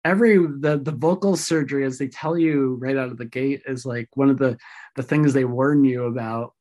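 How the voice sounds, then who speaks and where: A woman guest in a casual interview, explaining things thoughtfully, her voice a little rough after vocal surgery. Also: rumbling low, moderate pace, dark tone.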